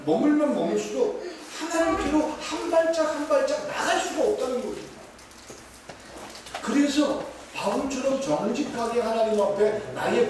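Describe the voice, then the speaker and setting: A male pastor with a high voice delivers an earnest, pleading sermon and slips into first-person prayers. The sound is very echoey, picked up from a distance in a church sanctuary. Steady background noise sits under him. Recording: echoey church hall with noise, mic far off.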